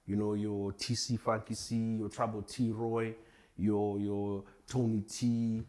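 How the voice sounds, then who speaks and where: A man's voice: lowish voice, level tone, a little slow, darkish tone. A man in his forties from Tanzania, a hip hop artist chatting as a guest in a casual interview, laid-back and rambling. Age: 40s.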